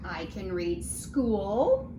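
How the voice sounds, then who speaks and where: Speaking very slowly and very animatedly at a medium pitch, a woman leads young children through a phonics read-aloud. Her sing-song teaching style includes questions and sounded-out letters and words. There is an echo from the room and obvious noise behind her.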